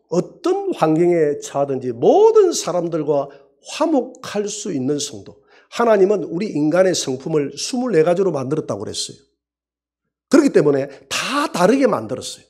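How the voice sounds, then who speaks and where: A middle-aged male pastor, preaching a sermon and telling anecdotes in an animated way. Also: a little high. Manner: animated storytelling preacher who acts out quoted voices.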